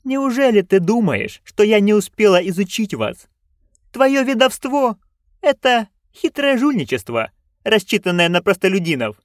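A man voicing a haughty, scornful duchess in an audiobook, high, sharp and commanding. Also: very animated, moderate pace, no room sound, studio quality. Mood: defiant. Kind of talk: audiobook reading.

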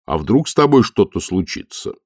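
A man's voice: fairly low pitch, very animated, normal speed, darkish tone, no room sound, studio quality. A man reading an audiobook, voicing an earnest, naive young male watchman who insists on doing right.

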